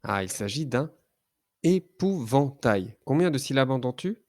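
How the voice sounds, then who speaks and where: Slow, careful male phonics teacher. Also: mid-range voice, lively intonation, a little mellow, no room sound, clean studio sound. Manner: slow, careful, articulating syllables for a child. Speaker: reading teacher. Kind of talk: children's phonics lesson.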